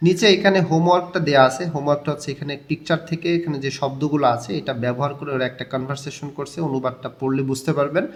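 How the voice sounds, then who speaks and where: A young man with a Bangladeshi Bengali accent teaching a Korean textbook lesson, explaining step by step and repeating key words. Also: fairly high pitch.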